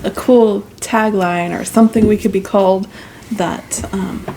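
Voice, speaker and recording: Chatty, giggly woman co-host at home, mid-pitch, phone mic with faint background hiss. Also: fairly even intonation, a little slow. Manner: chatty, giggly, lots of ums. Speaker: co-host of a cross-stitch channel. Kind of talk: casual chat. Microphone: mic plugged into a phone.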